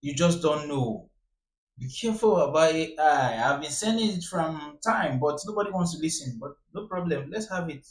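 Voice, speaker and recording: A man's voice: on the high side, lively intonation, moderate pace, reverberant, rough recording. A man giving a casual, earnest warning to his viewers. He keeps repeating his pleas to be careful. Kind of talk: casual direct-to-camera commentary.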